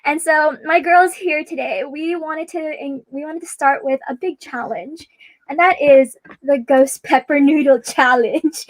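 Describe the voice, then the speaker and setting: Young woman host, high voice, dry close sound, giggly chatty livestream. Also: no echo, poor audio. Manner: giggly, chatty, frequent laughter. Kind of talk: casual livestream chat.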